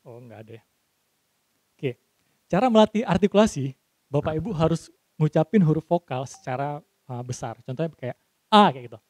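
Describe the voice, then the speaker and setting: A man's voice: fairly high pitch, animated, fairly quick, long pauses, warm tone, dry recording. A young man leading a voice training workshop, joking with the audience and demonstrating exercises. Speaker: speaking trainer.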